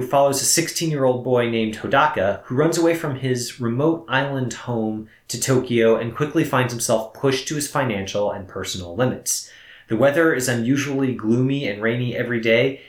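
A man co-hosting a film review podcast, speaking in a measured, lightly joking way. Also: medium pitch, reverberant. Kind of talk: casual podcast chat.

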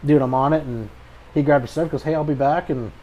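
A man's voice: medium pitch, brisk, darkish tone, dull audio. An American man hosting a podcast in a casual chat, with an easygoing, folksy good ol' boy way of talking. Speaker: podcast host.

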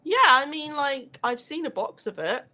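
A woman's voice: sits high, expressive, normal speed, pushed and bright. A woman chatting casually as a stream co-host, given to rambling explanations. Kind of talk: casual chat.

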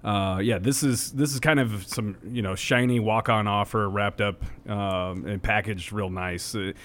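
Male sports co-host, lower voice, halting and filler-heavy delivery. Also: steady tone, fairly bright tone. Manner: halting, many fillers and restarts. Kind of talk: casual sports talk.

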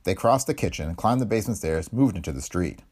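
A man narrating a 1930s pulp adventure story in a vivid, expressive reading style. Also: low-pitched, brisk, breathy edge. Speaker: narrator of pulp fiction podcast. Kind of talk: dramatic audiobook narration.

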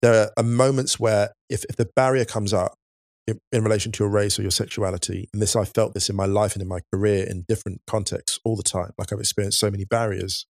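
A man, his voice sitting low, talks earnestly on a podcast. The sound is dry and close, with no room around it. He is thoughtful and open, and laughs easily. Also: flat delivery, quick pace, dry recording. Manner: earnest and reflective, breaking into big laughs. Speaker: podcast co-host. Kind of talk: casual podcast chat.

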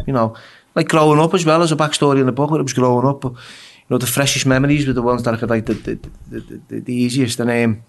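An English guest in a casual interview tells raw prison stories, talking fast in a gravelly, mid-range voice with fairly even intonation. He swears freely, stammers and repeats words.

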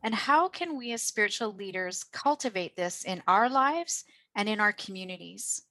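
A woman's voice: medium pitch, lively intonation, normal speed, bright, forceful tone. A woman hosting a podcast, introducing and moderating the discussion in a scripted style. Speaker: podcast host and facilitator.

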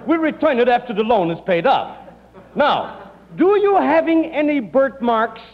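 This male moneylender voice is pitched very high and sing-song, unhurried and heavily acted, playing an oily, fussy finance company man from abroad in 1940s radio comedy. His unctuous manner is formal and excessively polite, with garbled foreign grammar, captured on a dull, noisy old radio recording with hall reverb.

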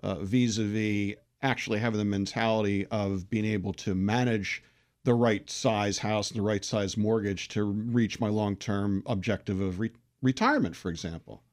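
A man hosting an interview, asking leading questions and sharing personal anecdotes in a lively way. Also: on the low side, moderate pace. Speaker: interview host. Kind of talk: conversational interview.

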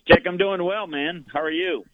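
A man's voice: high voice, steady tone, normal speed. A man giving football analysis as a guest in a sports radio interview. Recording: tinny phone-line sound.

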